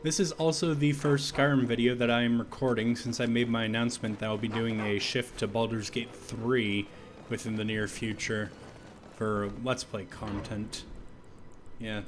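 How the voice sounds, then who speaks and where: Man, low-pitched, casual gameplay commentary, rambling, self-deprecating, faint background noise. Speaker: gaming let's play host. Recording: faint game ambience behind voice.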